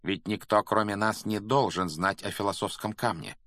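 A man's voice: on the low side, normal speed, fairly bright tone, no room sound, studio quality, lightly acted. A man voicing a cold, threatening male schoolmaster who speaks in a clipped, ironic tone. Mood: icy menace.

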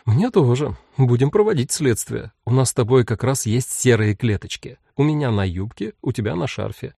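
A man's voice: medium pitch, lively intonation, normal speed, vocal fry, dark tone, slightly rough, no echo. A man voicing a grown daughter who talks in a dry, lightly amused, joking way. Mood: wry.

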